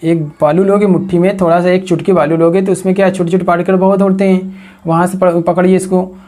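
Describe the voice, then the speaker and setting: A man's voice: high-pitched, little pitch movement, quick pace, mellow. A man teaching an exam coaching lecture, asking the class questions and answering them himself while building memory tricks from words.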